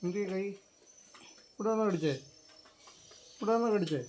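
A woman at home softly questioning a pet dog in a low, half-hushed tone. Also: moderate pace, a little hiss or hum. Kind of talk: casual talk to pet dogs at home.

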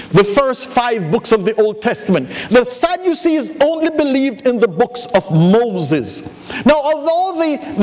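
A male pastor preaching from the pulpit in a folksy storytelling manner, often restarting his sentences. His voice sits high for a man. The sound carries a long reverb from the church hall. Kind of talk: sermon. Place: church sanctuary.

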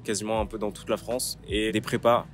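A man's voice: fairly low pitch, little pitch movement, fairly quick, over music. A young man in his twenties speaking matter-of-factly to camera outdoors in a park. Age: 20s. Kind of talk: casual testimony to camera.

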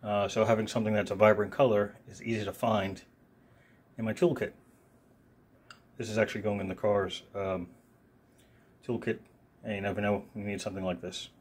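A man with a fairly low voice, rambling through an off-the-cuff product demo. He talks loosely, fills his pauses with ums and uhs, and walks the viewer through each feature in turn. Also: level tone, husky. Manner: casual, rambling, many fillers. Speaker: product reviewer. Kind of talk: unscripted one-take product demo.

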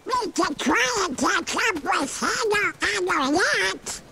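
A man's voice: very high-pitched, expressive, takes it slowly, gravelly, background noise, full character voice. An actor playing a touchy male cartoon duck with a garbled, quacking squawk in a video game. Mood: touchy, excitable. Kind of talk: animated video game acting.

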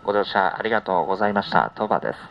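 A man's voice: low-pitched, animated, very fast, gravelly. A man working as a train conductor, making live, politely formulaic onboard announcements. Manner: formulaic, repeated polite phrasing. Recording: muffled train PA, cabin noise. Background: train cabin noise.

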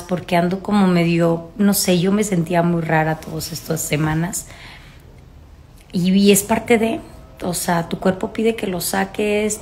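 A Mexican woman in her thirties speaks in a slightly low voice. She confides in her followers in casual, emotional, halting talk, recorded on a phone held at arm's length in a room at home. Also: slight background noise. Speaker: vlogger. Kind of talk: casual confessional chat to followers. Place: small room at home, indoors.

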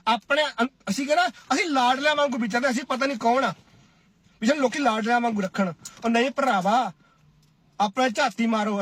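A man's voice: very high-pitched, a bit bright. A man from India giving a preachy, scolding duet commentary, often asking his listeners "right?". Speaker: social media commentator. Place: Cyprus.

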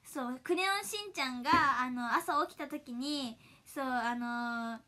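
Giggly high bright-voiced young woman. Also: normal speed. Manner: giggly, chatty, laughs often. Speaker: idol livestream host. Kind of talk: casual livestream chat, reading viewer comments.

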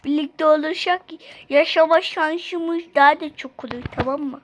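High-voiced excitable woman gamer. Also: moderate pace, slight background noise, rough recording. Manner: excitable, shrieks and yells when scared; talks to other players, teasing and pleading. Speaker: gamer playing online. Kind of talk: gameplay commentary.

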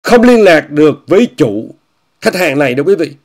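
Man, higher-pitched voice, casual commentary monologue, repetitive, mocking. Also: very animated, a little fast. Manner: repetitive, often repeats phrases and says "quý vị" often; scornful, mocking tone. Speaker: commentator hosting an online talk show.

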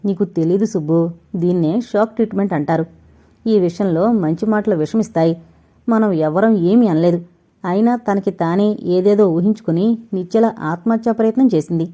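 A sharp-tongued young man, as a woman narrator reads him, scolding in a mellow, relaxed voice with open sarcasm. He speaks in a storybook audio novel. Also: medium pitch, normal speed, muffled recording, lightly acted. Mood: explaining.

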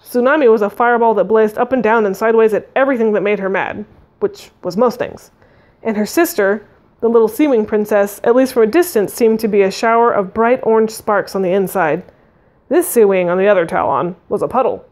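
A woman's voice: mid-range voice, a little fast, darkish tone. A woman reading a fantasy novel aloud, narrating expressively and voicing the dialogue. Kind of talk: audiobook reading.

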